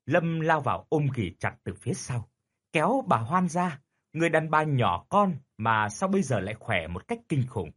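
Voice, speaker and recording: A man's voice: a little high, big pitch swings, normal speed, fairly bright tone, husky. A man narrating a horror story dramatically.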